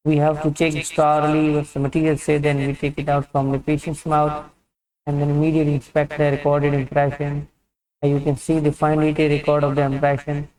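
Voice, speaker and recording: Male instructor, methodical teaching narration, slightly high pitch, distant mic in a roomy space. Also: monotone, a little fast, a little mellow. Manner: methodical step-by-step explaining. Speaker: dental instructor.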